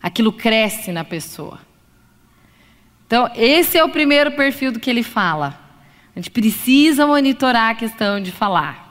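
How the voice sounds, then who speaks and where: A woman's voice: on the high side, normal speed. A woman psychologist giving a live lecture to an audience, talking expressively and acting out examples. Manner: expressive, acts out examples in voices. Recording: long reverb of a lecture hall.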